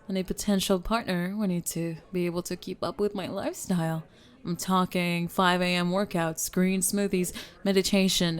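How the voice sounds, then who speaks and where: This gravelly, somewhat low female voice belongs to a woman role-playing a driven, formal businesswoman for an ASMR speed date. She keeps it brisk and businesslike, grilling her date like a candidate for a job.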